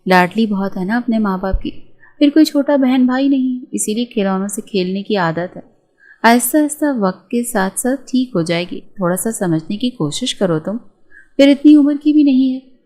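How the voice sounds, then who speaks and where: A woman reading the part of a calm, reassuring middle-aged mother in a spoken novel, soothing in manner. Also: a little high, close to an everyday voice.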